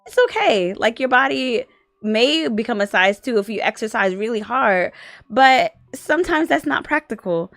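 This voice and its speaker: A woman's voice: fairly high pitch, lively intonation, normal speed, a bit bright, dry recording. A woman in her twenties chatting casually on a stream, rambling and full of filler words, sometimes sleepy. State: sleepy, yawning. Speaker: guest on husband's art stream. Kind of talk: casual chat.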